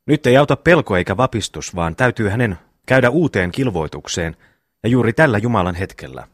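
A man reading the part of a hot-tempered eldest brother in an audiobook, blustering and boastful in his own low voice. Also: animated, no room sound, studio quality.

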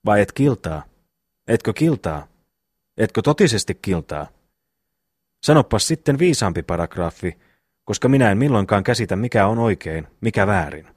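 A man reads out a hot-headed eldest brother in a storybook, bossy and blustering, his voice pitched low. It is recorded dry and close, with no room sound. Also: expressive, pauses often, husky, no room sound. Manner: blustering, commanding.

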